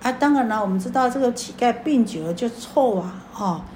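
A woman Buddhist teacher giving a dharma talk. She tells stories and speaks directly to her audience, with drawn-out particles at the ends of her phrases. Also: a little high, animated, a little mellow, slight background noise.

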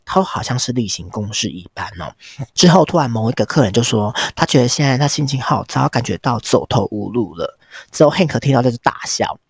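Hoarse, lively storyteller. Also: male voice, mid-range voice, no room sound. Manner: animated storytelling, acts out the quotes. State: hoarse from a cold. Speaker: podcast host. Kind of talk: casual movie recap.

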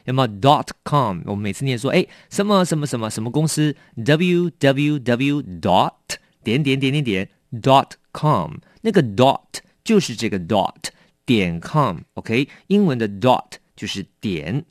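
A man with a Taiwanese Mandarin accent teaching English vocabulary, explaining patiently and repeating each word slowly. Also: medium pitch, big pitch swings, no echo, studio quality. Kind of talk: vocabulary lesson.

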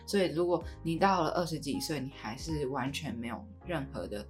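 A woman in her early twenties with a Taiwanese Mandarin accent co-hosts a casual, conversational podcast, with guitar music playing in the background. Her voice sits low, and she speaks expressively and fairly quickly.

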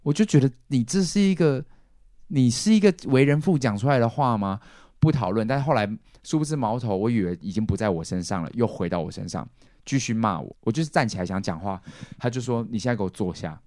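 Fast-talking man telling a family story. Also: mid-range voice, dry recording, clean studio sound. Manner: animated, acts out quoted relatives. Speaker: podcast host. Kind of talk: casual podcast storytelling.

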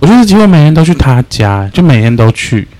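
A young man, a podcast guest telling a story in casual chat, animated and quick to laugh. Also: mid-range voice.

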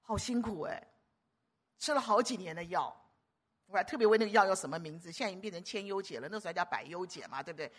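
A woman preacher delivering a sermon, emphatic and animated, often stumbling and repeating words. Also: fairly low pitch, fast talker.

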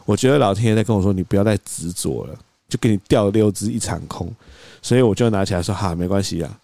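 A man, co-hosting a podcast, telling a story in an animated way and acting out quoted lines. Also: on the low side, fast talker, creaky, dry recording. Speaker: podcast co-host. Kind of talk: casual storytelling chat.

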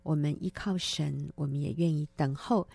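Low, gravelly woman hosting a talk show. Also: fairly even intonation, normal speed, no echo. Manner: warm, affirming, summarizing in short phrases. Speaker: host.

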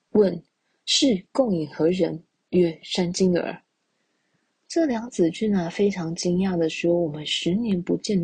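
A woman podcast storyteller with a low, gravelly and very husky voice. Her tone is warm and mellow, and the recording is close and dry. She alternates between reading classical prose and retelling it in relaxed, conversational speech with playful asides. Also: no room sound. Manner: reads classical lines then explains with chatty asides. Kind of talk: reading classical text then retelling it casually.

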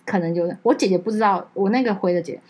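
Young woman, podcast co-host, brisk, slightly husky, animated storyteller who jumps into other voices. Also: mid-range voice. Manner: animated storyteller, acts out relatives' lines in raised voices. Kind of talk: casual chat.

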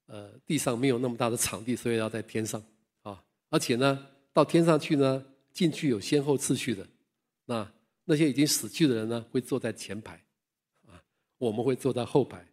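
A male preacher delivers a sermon in a mid-range voice, slipping into animated storytelling. He chuckles often as he tells his tales. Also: medium pitch, moderate pace.

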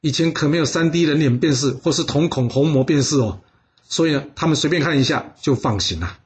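A man telling a history story casually, with drawn-out particles and asides to listeners. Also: on the high side, slight background noise.

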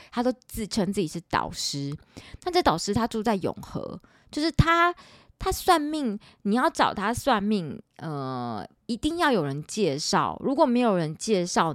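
Taiwanese-accented woman podcast host, 40s, lively storyteller, dry close recording. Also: medium pitch, no room sound. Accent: Taiwanese Mandarin. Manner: animated, chatty, dramatic retelling with quoted dialogue.

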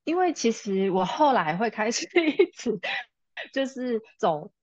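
A woman's voice: fairly high pitch, very animated, measured pace, dry recording, highs cut off. A woman, a mother and interview guest, telling a personal story and often laughing. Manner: laughs often, quotes herself and her child.

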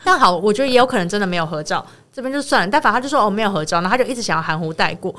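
Taiwanese woman, podcast co-host, rapid rambling storyteller, mid-pitched. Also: animated, fairly bright tone. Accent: Taiwanese Mandarin. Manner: rambling retelling of a friend's story, many fillers. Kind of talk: casual chat, storytelling.

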